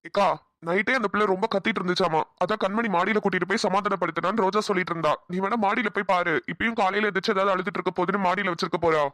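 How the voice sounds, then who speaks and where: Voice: medium pitch, steady tone, racing, bright, forceful tone, no room sound, clean studio sound, lightly acted. A voice actor playing an impatient, dismissive younger brother in a cartoon. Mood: puzzled. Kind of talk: cartoon voice acting.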